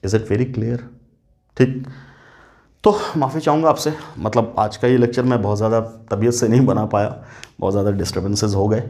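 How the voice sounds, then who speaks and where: A man's voice: mid-range voice, warm tone. A man gives a chemistry lesson at a board. He keeps asking his students questions and then answering them himself. He calls them "beta" and slips English phrases into the lecture. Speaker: chemistry teacher.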